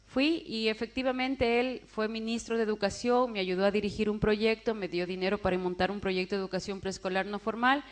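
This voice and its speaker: A woman's voice: mid-range voice, steady tone, brisk, hardly any pauses. A woman in her forties giving an emotional personal testimony, acting out the voices of people she quotes. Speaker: testimony speaker.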